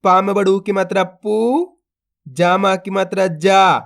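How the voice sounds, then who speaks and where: A man's voice: high voice, fairly even intonation, takes it slowly, fairly bright tone. A man teaching a phonics lesson, sounding out each syllable and then stretching the blended word, speaking patiently to viewers he calls friends. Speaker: Hindi reading teacher.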